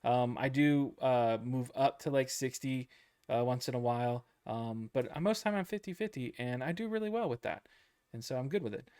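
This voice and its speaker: A man's voice: medium pitch, moderate pace, a little mellow, smooth. A man casually coaching traders through a book chapter, repeating points and checking in with "okay?" and a goofy, self-deprecating streak. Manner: chatty, repeats himself, lots of "okay?" and "right?". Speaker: trading coach.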